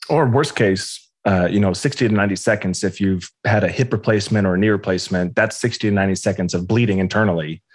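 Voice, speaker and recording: A man's voice: on the low side, fast, hardly any pauses, husky. A man hosting an interview, asking follow-up questions and joking casually. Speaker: podcast host.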